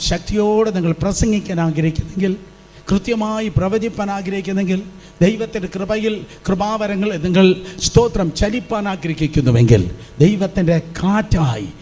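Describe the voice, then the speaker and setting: A man's voice: high voice, warm tone. Fervent man preaching. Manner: fervent preaching, urging the congregation to repeat lines aloud. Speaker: pastor. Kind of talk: Pentecostal sermon with call-and-response. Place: church hall before a congregation.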